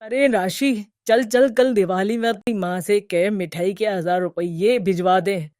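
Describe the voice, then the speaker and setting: A woman's voice: medium pitch, measured pace, a little mellow, dry recording, clean studio sound, natural voice. A woman voicing a greedy, scheming middle-aged mother-in-law in a cartoon, bossy and nagging. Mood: demanding. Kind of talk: cartoon voice acting.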